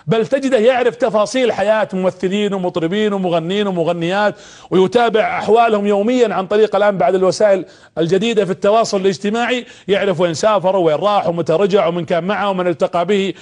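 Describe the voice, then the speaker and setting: A man gives a televised religious talk from a studio. His voice sits high and he talks fast. He repeats key words for emphasis and keeps turning to the audience with questions. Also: a little mellow. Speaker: preacher.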